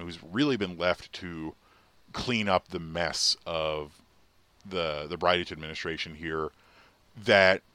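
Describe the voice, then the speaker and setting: Deep voiced guy on a sports podcast, earnest and rambly, bright tone. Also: dry recording. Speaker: podcast co-host. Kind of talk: casual sports podcast chat.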